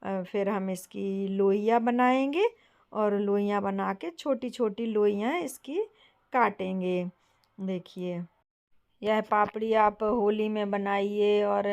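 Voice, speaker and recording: A young woman from Bundelkhand hosting her home cooking channel, calmly explaining each step to viewers. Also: mid-range voice, takes it slowly, vocal fry, muffled recording. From Bundelkhand, India. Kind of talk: casual cooking tutorial.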